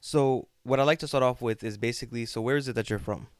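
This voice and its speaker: A man's voice: mid-range voice, fast talker, clean tone, no room sound, studio quality. A man hosting a podcast, asking questions hesitantly with fillers. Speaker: podcast host. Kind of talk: casual interview.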